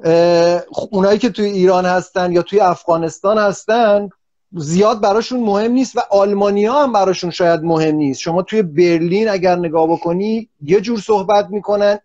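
A man's voice: high-pitched, darkish tone, dry recording. A man hosting an interview who asks long, rambling questions in a casual way. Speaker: interview host. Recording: dull lo-fi dry sound.

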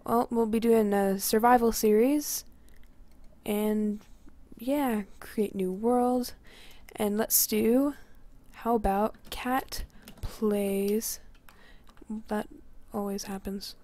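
Slow-talking hoarse young woman gamer. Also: mid-range voice, fairly even intonation, warm tone, no room sound. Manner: slow, rambling, often drops to a whisper. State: hoarse from a cold. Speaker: gaming channel host. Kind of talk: casual gameplay commentary.

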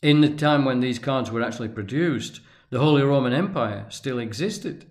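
A man lecturing at length off the cuff, speaking deliberately and pausing often, with restarts as he stresses key words. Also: medium pitch, expressive. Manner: deliberate, halting, with restarts and emphatic pauses. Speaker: tarot and religion commentator. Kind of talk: unscripted lecture.

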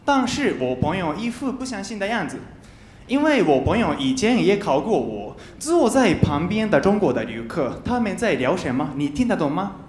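A young man performs stand-up in a Japanese accent, his voice high and very animated. He phrases things carefully as a second-language speaker, sometimes stumbling and repeating himself. The sound is roomy, from a big stage. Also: normal speed, slight background noise. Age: 20s. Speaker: stand-up comedian. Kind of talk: stand-up comedy monologue. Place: large TV studio stage with live audience. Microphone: handheld microphone.

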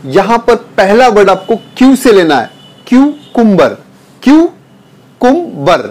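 Man, English pronunciation teacher, high-pitched, repeats words slowly, "dear students" address. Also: sing-song. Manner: drills each word slowly, repeating it. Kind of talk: pronunciation lesson.

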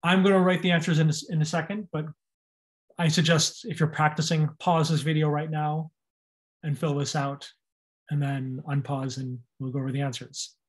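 A man records an anatomy lecture over his slides. He spells out and repeats each term, stressing how it is pronounced. He talks in a plain, even teaching voice. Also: on the high side, moderate pace.

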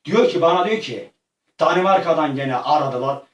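A man acting out a comic make-believe adventure, excitable and slangy, often yelping and crying out. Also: a little high, moderate pace, muffled recording. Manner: excitable, yelps and cries out often; slangy, rough-edged street talk. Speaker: vlogger. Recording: echoey room, far from the mic.

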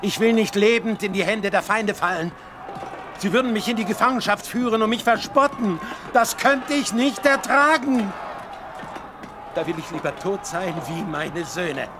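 An actor playing a proud, despairing king in a Bible radio play, speaking gravely and with command. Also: a little high, normal speed, hardly any pauses, background noise. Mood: desperate, proud. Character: proud, despairing defeated old king Saul.

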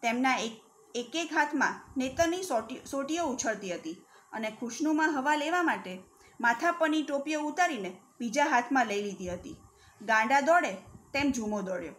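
High-voiced woman teacher reading a story. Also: moderate pace. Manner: expressive reading, acting out characters' shouts. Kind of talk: reading a story aloud for students.

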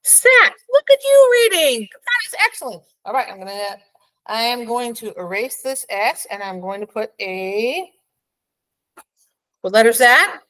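Slow, encouraging preschool teacher woman. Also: fairly high pitch, sing-song, bright, forceful tone. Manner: slow, encouraging, sounds out letters. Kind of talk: children's phonics lesson.

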